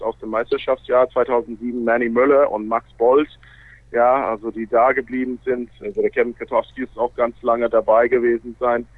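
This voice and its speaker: A man speaks German as a foreign language with a clear North American accent, chatting casually as an interview guest. His mid-pitched voice comes through narrow and phone-like, with very little room sound. Small grammar slips show his English mother tongue. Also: no room sound. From Canada. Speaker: interview guest, baseball player.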